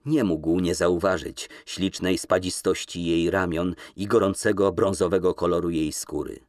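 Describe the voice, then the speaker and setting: A man narrating an audiobook in a measured, expressive reading voice, recorded in a studio. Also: deep voice, no echo.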